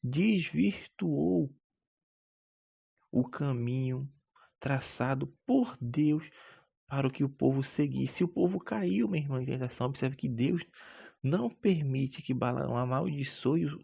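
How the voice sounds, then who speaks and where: A man teaches a Bible lesson in a gravelly, husky voice. He preaches with emphasis, drawing out key words and calling his listeners brother. The recording is dull and lo-fi. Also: medium pitch, unhurried, warm tone. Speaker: Sunday school teacher.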